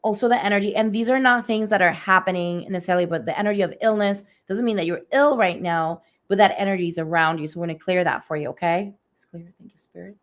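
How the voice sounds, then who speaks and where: Slightly hoarse and raspy because of allergies, a woman with a fairly low voice offers a live-streamed spiritual reading as an energy healer. Her pace is unhurried and soft, broken by frequent pauses and gentle fillers, and she's recorded through a phone or webcam.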